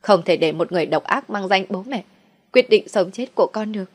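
A woman's voice: fairly low pitch, steady tone, brisk, close to an everyday voice. A woman storyteller voicing a grieving, defiant young woman who talks in hot outbursts. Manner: pleading then defiant outbursts.

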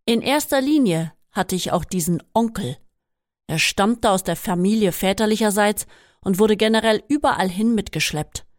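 A woman reading a first-person memoir aloud in a steady, measured way. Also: mid-range voice, no echo, studio quality. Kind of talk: scripted first-person narration.

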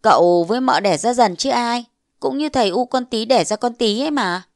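A woman voicing a young widowed mother in a read-aloud story, brisk and chiding in tone. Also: on the high side, expressive, dry recording, clean studio sound. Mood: gentle. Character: young widowed mother, scolding yet tender.

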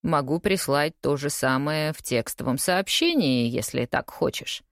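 A woman's voice: deep voice, a little slow, no room sound. A woman reading the part of a suave, unflappable English lawyer with dry, teasing wit in an audiobook. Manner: calm, teasing, deadpan.

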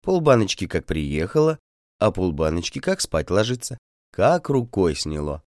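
A man voicing a flattering peasant woman of about thirty in an audiobook, pleading in a singsong way. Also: sits low, moderate pace, no room sound, clean studio sound. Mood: sweetly insistent.

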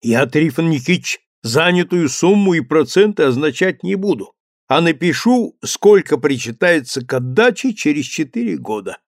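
Man voicing a shrewd old official, bargaining, audiobook, animated, dry close sound. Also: fairly high pitch, normal speed, dry recording. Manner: wily, bargaining. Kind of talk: audiobook character reading.

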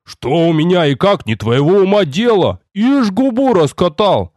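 A man voicing a big, boisterous male warrior who roars and shouts in folksy speech. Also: sits high, very animated, unhurried, no room sound, pitched above the performer's own voice. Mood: scolding. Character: burly bearded male warrior, loud and boisterous.

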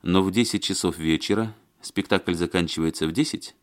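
A patient man asks his questions calmly and in measured tones, as a man voices him in an audiobook. His voice sits low and even, gently probing for answers. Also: natural voice. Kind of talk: audiobook character voice.

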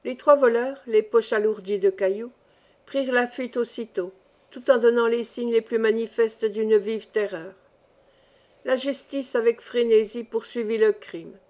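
A woman narrating a village story as an audiobook reader, with lively storytelling. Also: a little high, a little slow. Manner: lively storytelling, varied pace. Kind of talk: scripted narration.

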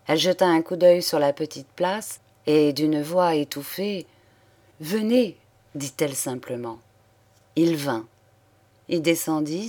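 A woman reading a literary story aloud in a measured way. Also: deep voice, darkish tone. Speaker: audiobook reader. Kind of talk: literary narration.

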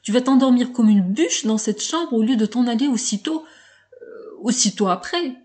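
A woman's voice: a little high, animated, moderate pace, a little mellow, pitched above the performer's own voice, natural voice. A woman reading as a stern, scolding older uncle. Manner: scolding, grave.

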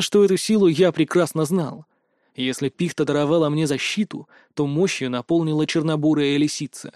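A male audiobook narrator telling a first-person fantasy tale with steady, dramatic delivery. His voice sits a little high for a man and is recorded dry and close. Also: dry recording.

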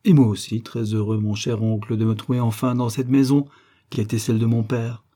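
A man's voice: mid-range voice, flat delivery, a little fast, dark tone, natural voice. A man reading as a genial young colonel. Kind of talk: audiobook character reading.

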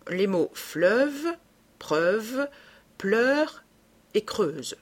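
A woman's voice: medium pitch, big pitch swings, very slow, voice pushed up, exaggerated voice. Woman reading a keen young detective. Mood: reasoning. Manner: methodical, reasoning aloud. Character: young male amateur detective, keen and reasoning. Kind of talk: audiobook reading.

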